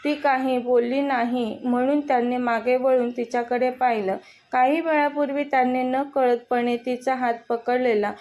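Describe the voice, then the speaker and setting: A woman's voice: high voice, steady tone, moderate pace, a little mellow. A woman with a Marathi accent reading a romantic story aloud, voicing all the characters' lines in her own voice. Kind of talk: scripted story narration.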